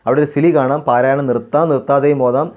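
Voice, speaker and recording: A male Quran teacher from Kerala. He chants verses slowly and melodically, then explains recitation rules calmly step by step, repeating phrases to model the pronunciation. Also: mid-range voice. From Kerala, India. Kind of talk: tajweed recitation lesson.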